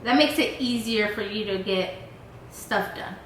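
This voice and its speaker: A woman's voice: medium pitch, unhurried, slight background noise. A woman in her twenties hosting a casual Q&A vlog, chatting loosely with lots of "um" and "like". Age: 20s. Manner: casual, many fillers like "um" and "like". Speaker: vlog host. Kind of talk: casual Q&A chat. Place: indoor lounge room. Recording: echoey room.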